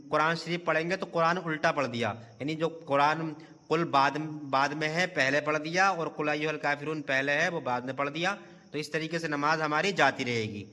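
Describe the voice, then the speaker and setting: A man's voice: on the high side, bright, forceful tone. A man teaching children the steps of prayer in a madrasa, patiently quizzing his pupil one step at a time. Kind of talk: teaching children how to pray. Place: madrasa room. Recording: long reverb.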